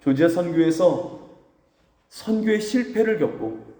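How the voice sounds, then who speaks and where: Male pastor, warm mellow tone, emphatic preaching, big echoing church hall. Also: on the high side, expressive, unhurried. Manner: emphatic preaching with acted quotes of dialogue. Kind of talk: sermon. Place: church sanctuary. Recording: roomy church hall with long reverb.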